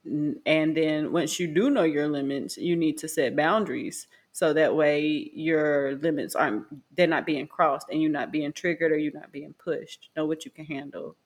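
A young woman with a notably low voice, co-hosting a podcast over a video call. She talks frankly and loosely, dropping fillers and laughing along as she gives advice. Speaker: podcast co-host. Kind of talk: casual podcast chat.

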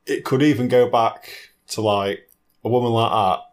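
A man with a mid-range voice talks at a moderate pace, chatting casually about films and games. He reviews them in a two-person discussion and rambles a little while hunting for his words.

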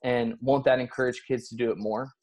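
A man's voice: mid-range voice, fairly even intonation, fairly quick, a little mellow. A man hosting an interview, reflecting on what he heard and asking a thoughtful question. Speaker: interview host.

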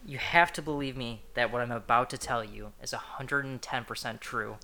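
Bright-voiced young man telling a story. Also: medium pitch, normal speed, gravelly. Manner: rambling, repeats himself, swears freely. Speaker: podcast co-host. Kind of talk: casual chat, storytelling.

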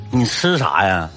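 A man with a Northeastern Mandarin accent playing a gruff old grandfather who grumbles and scolds. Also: lowish voice, pitched below the performer's own voice, heavily acted.

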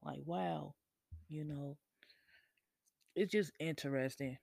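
Man, casual podcast chat, fairly high voice, husky, gravelly, relaxed and profane. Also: measured pace, no echo. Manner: laid-back, slangy, swears freely, laughs often. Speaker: podcast host.

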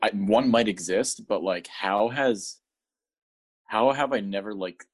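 A man's voice: on the low side, unhurried, husky. A young man co-hosting a podcast, chatting casually and laughing as he acts out movie scenes. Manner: laughing, animated retellings of scenes. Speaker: podcast co-host. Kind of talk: casual chat. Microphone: audio-only podcast mic.

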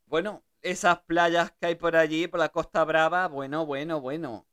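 A woman's voice: deep voice, steady tone, moderate pace, clear, resonant tone. A woman hosting a radio show, chatting casually with a guest and laughing easily. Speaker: radio host.

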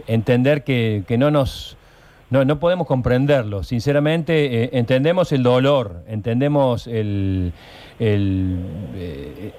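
A man with an Argentine accent hosting a radio interview, speaking haltingly with many pauses and restarts. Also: medium pitch. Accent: Argentine Spanish. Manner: halting, full of fillers and restarts, gentle. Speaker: radio host.

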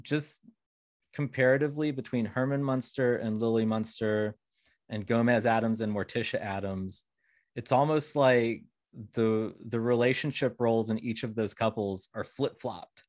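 A man's voice: medium pitch, normal speed, a little mellow, no echo, clean studio sound. A man hosting a casual podcast interview, asking questions and chatting with many hesitations. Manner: chatty, hesitant with fillers, laughs easily. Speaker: podcast host.

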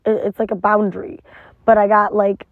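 A woman's voice: medium pitch, little pitch movement, moderate pace, no echo. A woman talking in a casual, rambling, emotional confessional monologue with frequent swearing, recorded inside a parked car. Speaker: vlogger. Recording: tinny phone-like sound.

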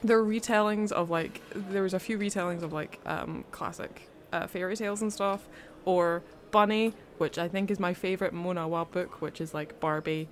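A woman's voice: on the low side, fairly even intonation, normal speed, a little hiss or hum. Giggly woman chatting about books. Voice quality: giggly, enthusiastic, laughs often. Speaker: podcast co-host. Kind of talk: casual book chat.

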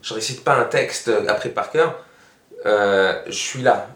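A man's voice: lowish voice, measured pace, a bit bright. A middle-aged man, a stand-up comedian, chatting casually as a guest and telling stories in a rambling way with many restarts. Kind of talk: casual chat. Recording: echoey room.

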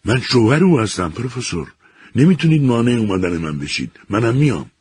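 A man's voice: a bass voice, breathy edge, no room sound, heavily acted. A man voicing an anxious middle-aged professor who talks urgently and frantically about his missing wife. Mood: frantic.

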